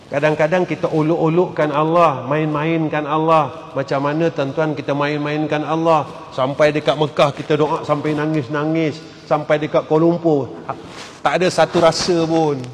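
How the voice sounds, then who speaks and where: A man's voice: fairly high pitch, flat delivery, moderate pace. A man with a Malaysian Malay accent, a religious teacher giving an emphatic sermon and repeatedly addressing the audience. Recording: long hall reverb.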